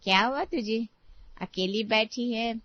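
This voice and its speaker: A woman's voice: a little high, measured pace, muffled recording, close to an everyday voice. A woman doing a blunt scolding aunt. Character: blunt, no-nonsense middle-aged aunt.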